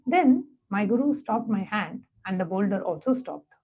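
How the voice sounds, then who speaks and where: A woman presenting a devotional satsang, reading a story aloud and then giving step-by-step guided instructions in a measured, reverent way. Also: mid-range voice, expressive, a little mellow, low-quality recording.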